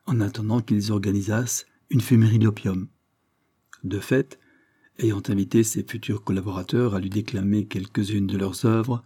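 A man narrating a classic novel as an audiobook, in a measured, theatrical storytelling manner. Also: lowish voice, warm tone.

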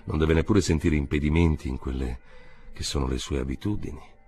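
A man reading an audiobook voices a police inspector, speaking in a calm, low and measured way. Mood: patient. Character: cool, detached male police inspector.

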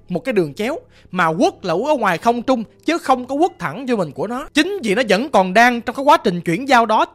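A woman telling a ghost story in a chatty, vivid, conversational way, explaining things as she goes. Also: on the high side. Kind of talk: casual spoken storytelling.

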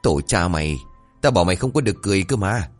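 Man doing a shrill toothless old sorcerer. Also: lively intonation, faint music behind. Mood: angry scolding. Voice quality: shrill lisping voice from missing front teeth. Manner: scolding, cursing, rapid outbursts. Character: toothless old male sorcerer, hot-tempered and vain.

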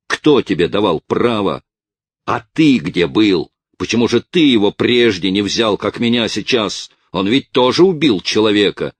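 A man's voice: fairly low pitch, animated, a little slow, breathy edge, no echo, pitched above the performer's own voice. A man voicing an angry, defiant young male vigilante who argues in a heated, raised voice.

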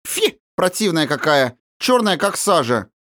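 Man doing a spoiled little rich girl, shrill, capricious, bossy, very high, bouncy, storybook voice. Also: big pitch swings, normal speed, no room sound, clean studio sound. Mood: mocking. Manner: high squealing childish chatter. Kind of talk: audiobook character voice.

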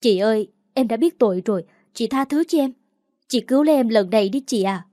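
A woman's voice: fairly high pitch, expressive, a little fast, mellow, no room sound, studio quality, close to an everyday voice. A woman voicing a desperate younger sister who begs in a whiny, pleading way. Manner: begging, whiny.

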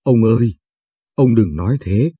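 Man reading a young granddaughter, loving and pleading, pretty low dark voice, dry. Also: animated, a little slow, husky, no echo, exaggerated voice. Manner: pleading, affectionate.

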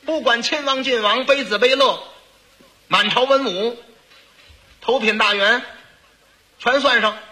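A man's voice: very high voice, unhurried, pauses often, sharp tone, voice pushed up, heavily acted. A man voicing a stubborn senior minister who speaks in brash, emphatic bursts. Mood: defiant.

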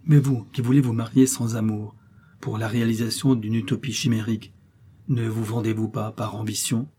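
A man voicing an earnest, sorrowful young man in a classic novel read aloud, speaking in a grave and measured way. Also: lowish voice, level tone, warm tone, husky. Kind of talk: audiobook character reading.

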